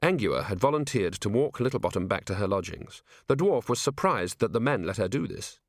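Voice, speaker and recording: A man reading an audiobook as its narrator in measured storytelling. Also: lowish voice, lively intonation, dry recording, studio quality. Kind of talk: scripted narration.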